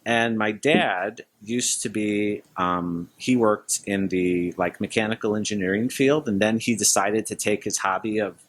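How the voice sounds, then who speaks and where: A man's voice: on the low side, measured pace, few pauses, a little hiss or hum. A man answering interview questions as a guest, speaking informally in loosely strung thoughts. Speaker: interview guest, business leader.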